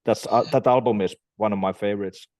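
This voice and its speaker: A man in a casual conversation about music, enthusiastic and halting, with frequent restarts. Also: fairly low pitch, steady tone, a little mellow, no echo. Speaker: interviewer, band member.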